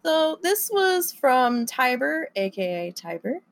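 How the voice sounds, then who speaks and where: A woman's voice: high-pitched, big pitch swings, slow, vocal fry, no room sound. A woman co-hosting a show in casual chat, with a tentative, self-qualifying way of talking. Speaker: co-host.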